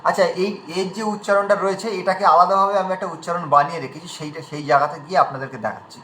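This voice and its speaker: Bright high-voiced man teaching pronunciation. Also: level tone, very fast, reverberant, slight background noise, rough recording. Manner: demonstrates sounds one by one, patient. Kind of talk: online class lesson.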